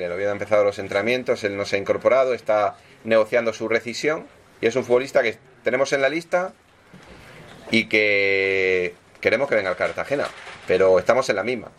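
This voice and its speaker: A man's voice: lowish voice, a bit bright, a little hiss or hum. A man speaking as a football club executive at a press conference, explaining deals and signings and ending his points with tag questions.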